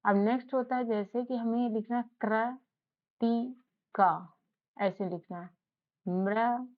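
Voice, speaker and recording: A woman's voice: fairly high pitch, steady tone, slow pace. A woman teaching a casual spoken lesson on spelling, patiently repeating questions back to the learner. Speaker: English teacher. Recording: slightly dull lo-fi audio.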